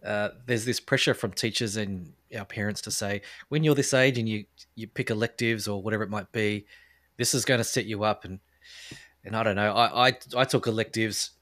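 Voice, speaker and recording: A man's voice: fairly low pitch, fairly even intonation, brisk, fairly bright tone. A man hosting a podcast, enthusiastic and often hesitating with fillers. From Australia. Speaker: podcast host. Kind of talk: casual podcast interview.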